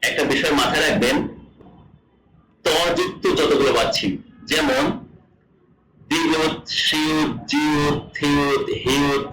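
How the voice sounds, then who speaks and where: A man with a Bangladeshi Bengali accent teaching online, repeating each example word slowly and asking himself questions. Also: on the high side, fairly even intonation, bright, forceful tone, far from the mic. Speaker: Korean language teacher. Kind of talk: explaining lesson to online students. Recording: echoey room, voice a bit off-mic.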